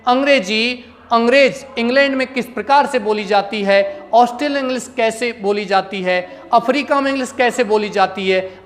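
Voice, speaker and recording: A man's voice: very high voice, fairly bright tone, in a large hall. A man teaching a spoken English lesson. He drills his students by asking the same question again and again.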